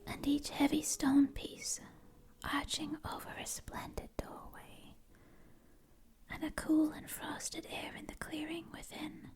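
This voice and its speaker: Female, ASMR whisper, right in ear, very slow, gentle, poetry reading. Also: high voice, completely flat delivery. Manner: slow, gentle delivery with long pauses. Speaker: ASMR content creator. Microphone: close mic, ear to ear.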